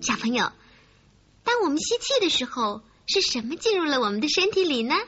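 Woman, children's story host, high voice, expressive and coaxing, muffled recording with faint music behind. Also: a little fast. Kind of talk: storytelling narration for young children.

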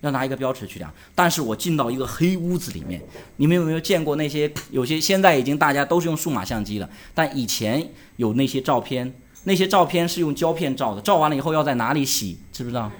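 A man preaching a sermon, asking the congregation rhetorical questions and answering them himself, rising to loud emphasis and dropping low. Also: lively intonation, fast. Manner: swings between loud emphasis and quiet drops. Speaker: pastor.

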